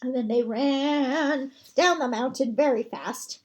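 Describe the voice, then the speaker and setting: A woman librarian reading a picture book aloud to children, gentle and expressive. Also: sits high, takes it slowly.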